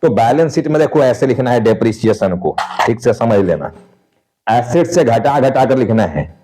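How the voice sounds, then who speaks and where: A man delivers an explanatory accounts lecture, explaining each step and answering his own questions for the students, often checking on them with "dekho" and "theek hai." His mid-range voice is dark, with lively intonation at normal speed. The recording is rough.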